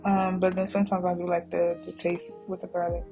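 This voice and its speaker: This cooking vlogger's voice-over, laid on kitchen footage with music in the background, is poorly recorded. She talks fairly quickly in a fairly low, level tone. Rambling and chatty, she often slips into side stories, laughs a lot and talks directly to viewers, whom she calls y'all.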